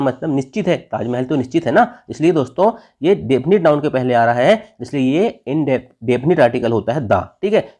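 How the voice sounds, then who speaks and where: A man's voice: on the high side, a little mellow. Male teacher with an Indian accent, exam-prep grammar lesson, call-and-response delivery. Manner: constantly asks and answers his own questions; tags phrases with "theek hai".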